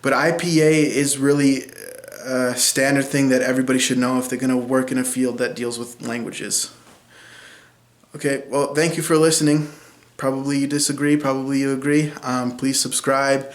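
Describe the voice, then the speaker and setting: A man's voice: medium pitch, fairly even intonation, normal speed. A young man in his twenties with a Minnesotan accent, casually teaching about linguistics, chatty with frequent ums. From central Minnesota. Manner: chatty, frequent ums, laughs at own remarks. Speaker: linguistics video host. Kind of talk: casual educational talk. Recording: echoey room.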